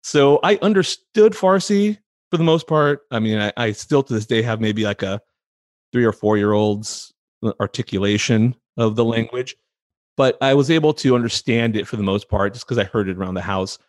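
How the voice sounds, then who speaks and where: An American man in his thirties talks easily as a guest in an interview, laughing often and restarting his sentences. His pitch sits in the ordinary middle for a man. The sound is close and dry, with no room echo. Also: normal speed. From United States, San Francisco Bay Area. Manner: chatty, laughs easily, repeats words when starting a thought. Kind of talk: casual interview conversation.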